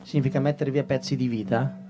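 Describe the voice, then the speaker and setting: A man's voice: mid-range voice, steady tone, brisk. A man, a singer-songwriter being interviewed, speaking reflectively and searching for words. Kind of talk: interview conversation.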